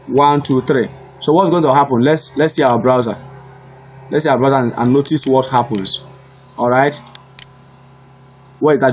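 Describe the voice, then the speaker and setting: A man giving a screen-recorded web development lesson, unhurried and repetitive, thinking aloud as he types. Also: mid-range voice, a little mellow, highs cut off. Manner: unhurried, repeats himself, thinks aloud while typing. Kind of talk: screen-recorded coding tutorial.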